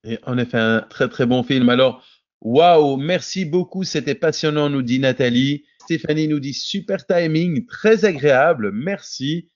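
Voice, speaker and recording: A man's voice: a little high, measured pace. A man hosting a video-call webinar, thanking the speaker and reading out audience comments. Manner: reads audience thanks aloud. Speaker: webinar host. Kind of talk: webinar moderation. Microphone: video call mic. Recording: dull lo-fi call audio.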